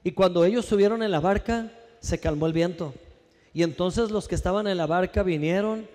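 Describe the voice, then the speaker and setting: Man, pastor, sermon, high voice, asks the congregation questions, echoing church hall. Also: a little fast. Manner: lively preaching, rhetorical questions, calls for congregation response.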